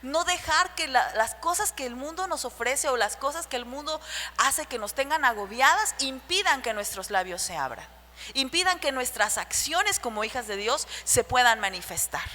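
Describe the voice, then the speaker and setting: A woman preaching a sermon to the women of her church, with a shrill voice, sharing personal stories and asking the listeners rhetorical questions. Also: animated, moderate pace, sharp tone. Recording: church hall reverb with faint hum.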